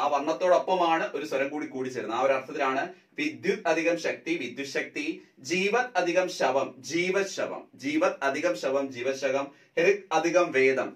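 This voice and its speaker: A male teacher giving an exam prep lesson, drawing out each word part slowly as he drills the rules. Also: fairly high pitch, fairly bright tone, reverberant, recorded from a distance. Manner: slow, drawn-out drilling of word parts.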